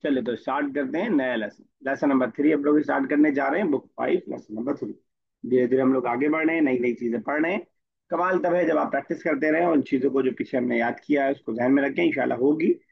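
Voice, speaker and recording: A man's voice: mid-range voice, quick pace, creaky, slightly rough, muffled recording. A man teaching an online Arabic grammar class, explaining patiently and quizzing his students by name.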